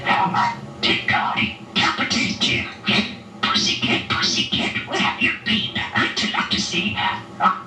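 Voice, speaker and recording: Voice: slow pace, echoey room, far from the mic, music in the background. A small pet budgie mimicking human speech in scratchy, squawky parakeet chatter, repeating phrases and nursery rhymes. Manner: chirpy, repetitive chattering mimicry.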